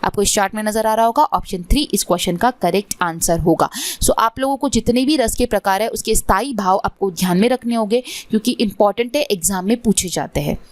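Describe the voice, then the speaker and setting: A woman's voice: medium pitch, a little fast, a little mellow. A woman teaching an online exam-prep lesson, mixing English words into her Hindi and often checking in with "theek hai".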